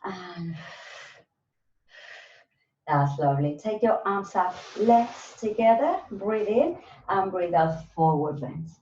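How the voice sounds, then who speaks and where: A woman's voice: mid-range voice, lively intonation, slow pace, long pauses, mellow, slight background noise. A woman instructing a live Pilates class, counting breaths and movements aloud in short, spaced cues. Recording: roomy echo, distant mic, slightly dull sound.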